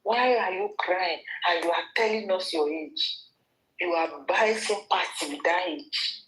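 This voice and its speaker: A woman's voice: fairly low pitch, animated, measured pace, fairly bright tone, slight background noise, poor audio. A woman with a Nigerian accent giving an opinion commentary vlog, scolding the person she talks about and addressing her directly. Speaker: gossip commentator.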